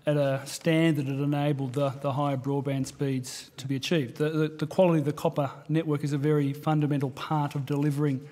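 Male executive witness, fairly high flat voice, careful technical testimony. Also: a little fast, few pauses. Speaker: broadband company executive giving evidence. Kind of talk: formal testimony at a parliamentary hearing.

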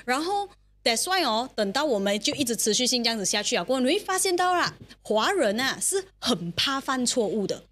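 A woman in her thirties with a Malaysian Mandarin accent, co-hosting a casual podcast chat, animated and quick to laugh, mixing in English words. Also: on the high side. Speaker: podcast co-host.

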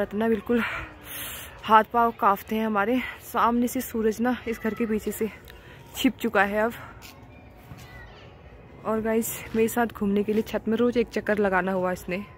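A woman with an Uttarakhand Hindi accent talks casually to her viewers in a fairly high voice. She chats through her evening chores into a phone camera. A faint hiss sits under the recording. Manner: coaxing, sing-song baby talk to a sulking child. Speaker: vlogger. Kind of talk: casual vlog chat. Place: home and rooftop in hill country.

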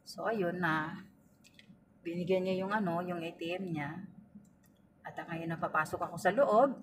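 A woman's voice: fairly low pitch, normal speed. A middle-aged woman telling stories in a casual vlog from inside a car. She chats to her viewers as "guys" and acts out the dialogue. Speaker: vlogger and family driver. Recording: distant mic with faint ambient noise.

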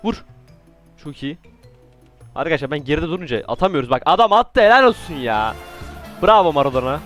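A man giving casual, joking commentary while playing a game, with sudden excited outbursts and playful trash talk. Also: on the high side, brisk, faint music behind. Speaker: gaming YouTuber.

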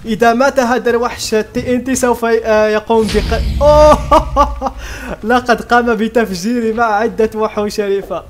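A man giving excitable gameplay commentary as a YouTuber, often stopping and restarting his sentences. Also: very high voice, brisk, hardly any pauses. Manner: excitable, many restarts and fillers. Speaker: gaming YouTuber.

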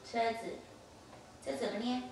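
Over music, a woman with a somewhat high, steady voice speaks a little slowly as she guides her toddler through play. She is patient and repetitive, gently giving the same simple instructions over and over. The distant camera mic makes this home recording echoey, remote, and noisy.

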